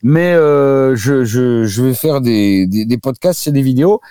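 A man talks casually on the radio as a guest doctor, often stopping to restart his sentences. His voice is mellow and warm. The sound is dry and close to the mic. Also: medium pitch, expressive, a little slow, clear, resonant tone, dry recording. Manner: hesitant, many fillers and restarts.

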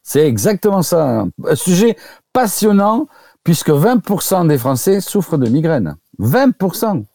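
A man's voice: on the high side, sing-song, unhurried, vocal fry, dark tone, no room sound, clean studio sound. A man, a guest doctor, chatting casually on a radio show and hesitating with many fillers and restarts.

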